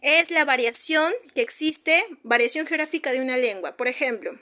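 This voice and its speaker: A woman's voice: high-pitched, moderate pace, bright, forceful tone. A Peruvian woman teaching a secondary school language class online, explaining slides patiently and checking in with her students with frequent tag questions. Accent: Peruvian Spanish. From Peru.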